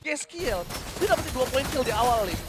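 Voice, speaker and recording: A man doing dramatic, excited esports caster play-by-play of a match. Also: very high-pitched, brisk. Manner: excited, dramatic calls rising to shouts. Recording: music behind the voice. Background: music.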